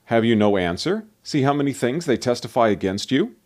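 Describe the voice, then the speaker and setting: A man voicing a stern Roman governor in a scripture reading, asking his questions in a measured, deliberate way. The voice rises and falls a good deal, with a middle pitch for a man. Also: big pitch swings, a little mellow, close to an everyday voice. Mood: questioning.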